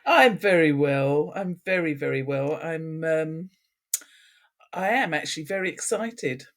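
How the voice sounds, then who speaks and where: A woman's voice: sits low, expressive, a little slow. A middle-aged British woman co-hosting a podcast, chatting casually and teasing her co-host with playful corrections. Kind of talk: casual chat.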